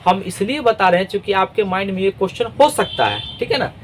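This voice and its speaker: A man with a high voice teaches a math class patiently, one step at a time. He reads numbers out slowly, digit by digit, and keeps checking that his students follow. Faint traffic hums in the background. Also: lively intonation, poor audio. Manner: patient, step-by-step explaining, often checks with "ठीक है ना".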